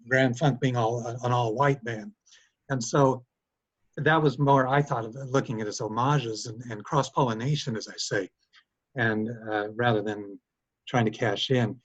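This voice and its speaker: An older man, a professor, comments in a class discussion, halting and full of restarts. His voice comes through dull, lo-fi call audio at an ordinary pitch.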